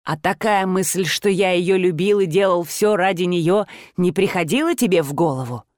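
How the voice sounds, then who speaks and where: A woman voicing a soft-spoken, menacing male master who can change his shape, in a storybook reading. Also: lowish voice, dry recording, clean studio sound, lightly acted. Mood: cold. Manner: quiet, insinuating, slow.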